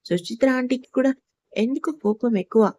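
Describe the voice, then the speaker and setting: A woman narrates a serialized romance audio story, reading expressively and taking on voices for the characters. Her voice is fairly high but warm and mellow, recorded close on a dry home mic. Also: normal speed, no room sound.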